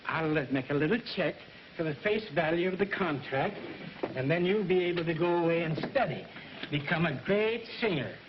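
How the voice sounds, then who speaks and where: An actor playing a flustered middle-aged record company boss who blusters and coaxes, in a 1940s film. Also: male voice, on the high side, animated, moderate pace, noisy background, natural voice. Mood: coaxing. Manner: blustering, then coaxing. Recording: dull 1940s film soundtrack.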